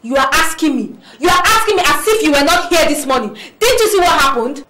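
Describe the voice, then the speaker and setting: A woman's voice: sits high, big pitch swings, fairly quick. A woman with a Nigerian accent playing a fed-up young wife who speaks in a cutting, sarcastic way. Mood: exasperated. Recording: noisy background.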